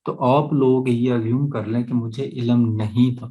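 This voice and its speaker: A law lecturer with a Pakistani accent explains things step by step in class, often checking that students follow and taking their questions. His mid-range voice is steady and a little slow, and the recording sounds lo-fi.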